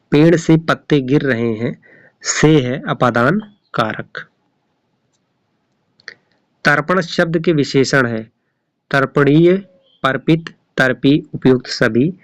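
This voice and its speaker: A man's voice: medium pitch, dry recording. Man reading exam questions aloud, dry. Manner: reads each option aloud, then repeats the answer. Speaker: Hindi exam tutor. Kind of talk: reading quiz questions and answers.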